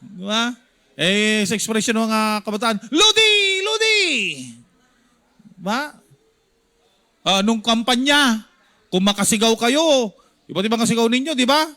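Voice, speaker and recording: A male pastor with a Filipino accent teaching a Sunday school sermon, animated and acting out the crowd's shouts, slipping English lines into his talk. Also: very high voice, moderate pace, long pauses.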